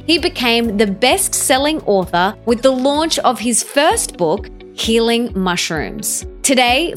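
A woman's voice: fairly high pitch, fairly bright tone. A woman hosting a podcast, reading her intro and interviewing with gushing enthusiasm. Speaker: podcast host. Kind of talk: scripted intro, then interview.

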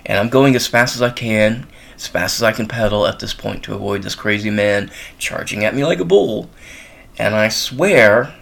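On his own show, a man spins out a long story in casual, rambling fashion, peppered with ums and uhs. This podcast host, based in a US college town, has a lowish, gravelly voice with a fairly bright tone.

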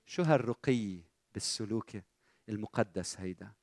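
A man with a Lebanese Arabic accent preaching a sermon as pastor, animated and asking the congregation questions with rising emphasis. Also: on the low side, moderate pace, no room sound.

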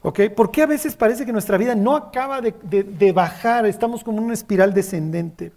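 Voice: mid-range voice, brisk, a little mellow. A speaker teaching a Bible study to a group, often checking that listeners follow and acting out the quoted passages. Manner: keeps checking in with listeners, acts out biblical quotes.

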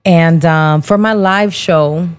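A woman's voice: fairly low pitch, takes it slowly, smooth. Slangy, candid New woman host. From New Jersey, USA. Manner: candid, slangy, many "um" fillers. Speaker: podcast host. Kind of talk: casual personal monologue.

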